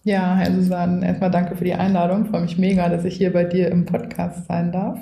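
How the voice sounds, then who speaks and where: A woman's voice: on the low side, completely flat delivery, normal speed, vocal fry, warm tone, roomy sound. A woman coach, a guest in a podcast interview, who explains at length and often adds a tag question. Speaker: coach and trainer.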